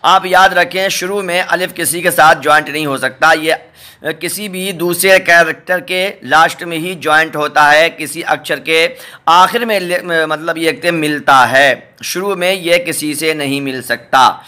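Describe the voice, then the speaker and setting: A man teaching a Quran reading lesson, patiently naming letter pairs and repeating each one slowly for his viewers. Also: fairly high pitch, fairly even intonation, pushed and bright. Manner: addresses viewers directly, asks them to look. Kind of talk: step-by-step spoken lesson.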